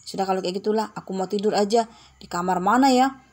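A woman's voice: mid-range voice, quick pace, natural voice. A woman voicing a drowsy adult in a game role-play who mutters and grumbles about noise. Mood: sleepy.

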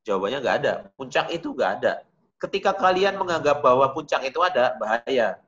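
A man's voice: medium pitch, expressive, fairly quick, a bit bright, highs cut off. A man teaching a beginner digital painting class, talking casually and directly to his students. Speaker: art teacher.

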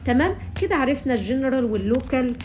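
A woman's voice: high voice, expressive, racing, a little mellow, lo-fi sound, slight background noise. A young woman with an Egyptian Arabic accent explaining a physiotherapy study sheet, mixing English medical terms into her talk with frequent fillers. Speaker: physiotherapy tutor.

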